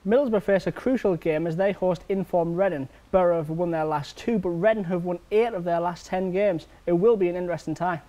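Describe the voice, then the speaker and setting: High-voiced male sports newsreader. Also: brisk, hardly any pauses, warm tone, dull audio. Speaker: sports news presenter. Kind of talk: scripted news reading.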